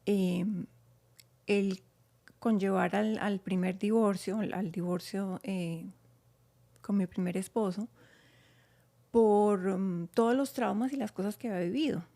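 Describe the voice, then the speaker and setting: A woman speaks as a guest and shares her testimony in a mellow, darker voice. She is hesitant, pausing on fillers as she works through her words. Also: medium pitch, steady tone, creaky. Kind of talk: personal testimony.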